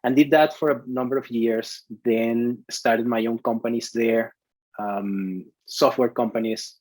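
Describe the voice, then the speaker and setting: A man from Venezuela in his thirties, a CTO answering interview questions in a halting way, full of restarts and fillers. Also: mid-range voice, steady tone, a little mellow, dry recording, low-quality recording. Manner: hesitant, many restarts and fillers. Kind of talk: conversational interview.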